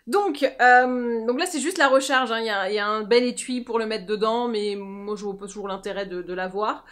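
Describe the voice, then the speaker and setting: A woman chatting casually through a make-up tutorial, joking and filling pauses as she talks. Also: a little high, steady tone, fairly bright tone. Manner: chatty, jokey, lots of fillers and laughs. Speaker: beauty vlogger.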